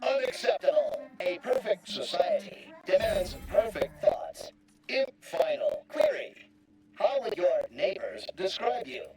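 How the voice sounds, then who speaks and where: Officious robot examiner with swooping pitch. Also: big pitch swings, measured pace, loud music behind the voice, poor audio. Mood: stern. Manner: formal, stilted, verbose. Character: officious automechanical assessment machine, rigid and bureaucratic. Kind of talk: scripted game dialogue.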